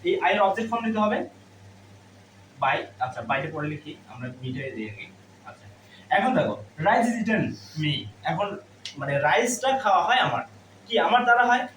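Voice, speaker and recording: At a normal speed but with frequent pauses, a very animated man with a high, fairly bright voice guides a grammar lesson step by step. He asks questions and answers them himself, and the classroom audio is roomy and distant with faint background noise.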